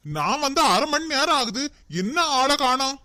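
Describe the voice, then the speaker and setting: Man voicing high, dry-sounding young men, teasing and melodramatic, Kanyakumari Tamil accent. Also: very animated, moderate pace, bright, forceful tone, no echo, exaggerated voice. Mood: bantering. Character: two bickering young brothers-in-law.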